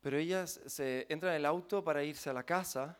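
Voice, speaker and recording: A man's voice: fairly high pitch, a little fast, clean tone. A man interpreting a sermon live, following each phrase closely with occasional fillers.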